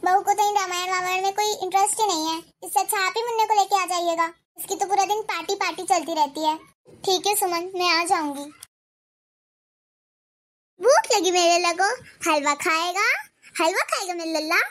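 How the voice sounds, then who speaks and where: A woman voicing a gentle widowed grandmother in a cartoon, speaking in a soft, pleading and tender way. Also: very high-pitched, a little fast. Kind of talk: cartoon voice acting.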